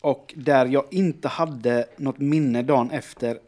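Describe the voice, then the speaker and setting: A man in a casual chat telling an anecdote, acting out what people said. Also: medium pitch. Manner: animated storyteller who acts out quotes.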